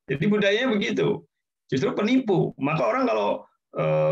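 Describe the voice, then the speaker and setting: A man giving a relaxed religious lecture, explaining points repetition and friendly asides. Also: on the high side, vocal fry. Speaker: Islamic teacher. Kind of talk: casual sermon lecture. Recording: dull lo-fi sound.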